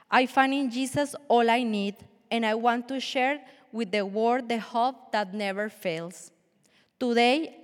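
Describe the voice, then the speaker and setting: A Colombian woman in her forties, a native Spanish speaker with a fairly high voice, delivers a prepared personal testimony in church. She is earnest and measured, with occasional stumbles and small restarts, and a long reverb makes it sound like a large hall.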